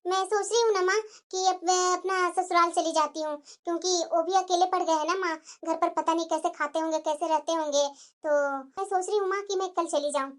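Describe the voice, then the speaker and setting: A performer voicing a gentle, worried young wife and new mother in a cartoon, soft and plaintive. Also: extremely high pitch, steady tone, fairly quick. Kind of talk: cartoon voice acting.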